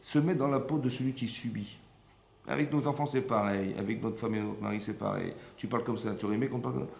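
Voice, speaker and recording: A rabbi teaches a Torah class in a lowish, creaky voice, talking fast. He often pauses to make sure listeners are following and adds repetitive asides. The room is echoey, with a faint hum in the background.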